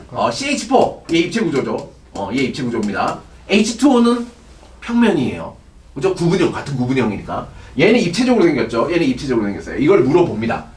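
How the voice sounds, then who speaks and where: Animated male chemistry teacher, echoey classroom. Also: fairly high pitch, a little hiss or hum. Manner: animated, asks constant check questions. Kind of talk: classroom lecture. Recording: echoey room, distant mic.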